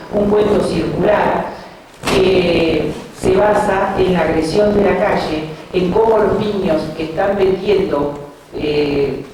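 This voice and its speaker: A woman giving a talk, retelling children's picture books in an unhurried storytelling way with small hesitations. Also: fairly low pitch. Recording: very echoey room, distant mic, background noise.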